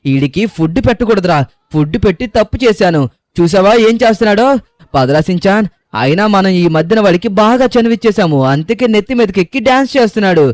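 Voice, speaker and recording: A man hosting and voicing his own game story video in a lively, fast way. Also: high voice, dry recording, studio quality. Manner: lively, talks fast to the viewers and the characters. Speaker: host and narrator. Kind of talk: gameplay story voice-over.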